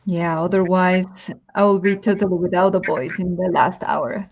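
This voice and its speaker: A chatty woman with a Spanish accent, a Spanish teacher appearing as a guest on a live stream, chats casually and thinks aloud with lots of ums. Her voice sits on the low side and sounds gravelly, with fairly even intonation and a moderate pace. The highs in the recording are cut off.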